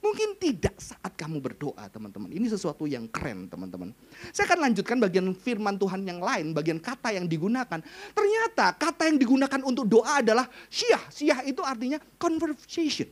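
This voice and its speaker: High-voiced pastor. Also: male voice, huge pitch swings, fairly quick. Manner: conversational, quizzes the audience, swings between hushed and loud. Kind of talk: sermon.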